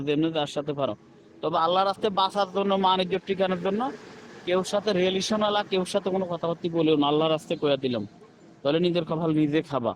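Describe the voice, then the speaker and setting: A man's voice: high-pitched, slight background noise. A middle-aged man, rambling and pleading in a personal voice message, repeating himself.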